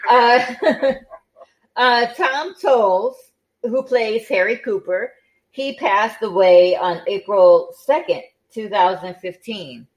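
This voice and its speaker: Slow, tired woman podcast host. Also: a little high, lively intonation, poor audio. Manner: unhurried, with many fillers and restarts. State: tired and yawning. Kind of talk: casual podcast chat.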